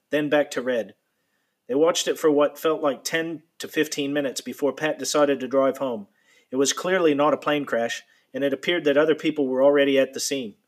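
A man reading a nonfiction account aloud in a steady, measured storytelling manner. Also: fairly high pitch. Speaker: narrator.

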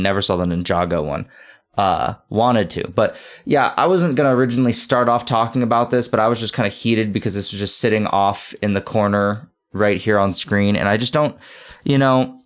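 A young man hosting a podcast, rambling through casual commentary with many fillers and restarts. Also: on the low side. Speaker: podcast host.

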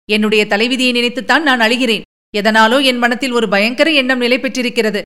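Woman reader voicing a fearful young princess, high-ish and plaintive. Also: a bit bright, natural voice. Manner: plaintive, sorrowful pleading.

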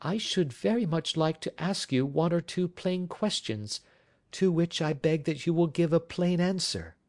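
A man's voice: fairly high pitch, animated, measured pace, a little mellow, pitched above the performer's own voice. A male audiobook reader voicing an anxious, earnest Victorian wife who asks pleading, insistent questions. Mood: urgent.

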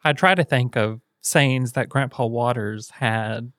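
A man co-hosts a relaxed podcast chat and drops in wry comments about shared family memories. His voice sits at a middle pitch and sounds dry and close on the mic. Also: measured pace, dry recording. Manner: chimes in with quips and short asides. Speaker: podcast co-host. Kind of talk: casual chat.

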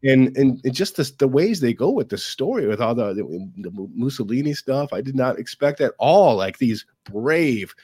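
Slightly hoarse, sick man chatting films. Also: mid-range voice, sing-song, dark tone, no echo, clean studio sound. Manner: halting, emphatic, sweary. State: sick with a cough. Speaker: podcast co-host. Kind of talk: casual film review chat.

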